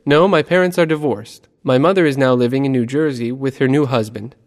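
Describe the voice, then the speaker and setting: Man reading lesson dialogue, plain and measured, lots of reverb. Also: medium pitch. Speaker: dialogue reader for a language lesson. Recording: reverberant room.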